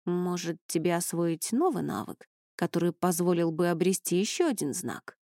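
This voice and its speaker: A woman voicing a calm scholarly professor. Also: fairly low pitch, moderate pace, dry recording, clean studio sound, lightly acted. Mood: musing. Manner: calm, inquisitive. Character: cool-headed scholarly older male professor.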